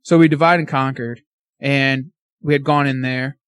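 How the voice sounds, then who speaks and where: A man guesting on a podcast, excitedly telling a casual story full of fillers and slang. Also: mid-range voice, moderate pace, clean tone.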